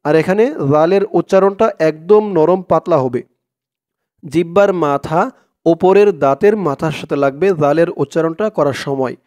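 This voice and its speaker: A man teaching Quran reading, spelling words out letter by letter and chanting the Arabic verses slowly. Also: on the high side, a little mellow.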